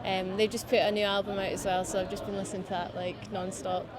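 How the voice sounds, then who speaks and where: Outdoors beside a city riverbank, with a crowd audible behind her, a twenty-something musician with a Scottish Highlands accent discusses her music in an easygoing interview. Her medium-pitched delivery is quick and loose, scattered with fillers.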